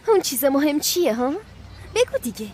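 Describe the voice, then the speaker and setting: A woman's voice: high voice, darkish tone, slight background noise. A nervous young schoolgirl. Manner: nervous, hesitant. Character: anxious young schoolgirl sneaking off. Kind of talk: TV drama dubbed dialogue.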